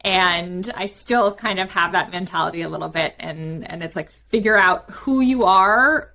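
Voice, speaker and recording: A woman's voice: on the low side, moderate pace, gravelly, pushed and bright. A woman in her thirties who grew up in London, a guest talking chattily with many fillers. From London, England. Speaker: guest, company founder. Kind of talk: interview.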